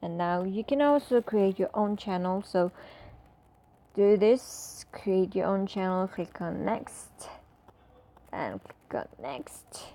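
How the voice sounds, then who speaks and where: A woman's voice: medium pitch, lively intonation, slow, mellow, rough recording. A woman talking through an app tutorial as a casual voice-over, chatty and full of fillers as she walks through each step. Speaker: tutorial presenter.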